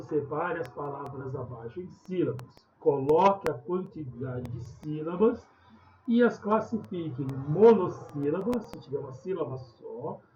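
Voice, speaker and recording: A man's voice: fairly high pitch, a little mellow. A man, recording a video lesson and patiently explaining classroom tasks step by step. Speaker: teacher. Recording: echoey room, muffled sound, faint hiss.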